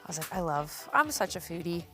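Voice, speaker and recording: A woman's voice: lowish voice, sing-song, a little fast, fairly bright tone, faint music behind. A woman in her late twenties cooking on a TV morning show set, bubbly and giggly in casual banter. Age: late 20s. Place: TV studio kitchen set.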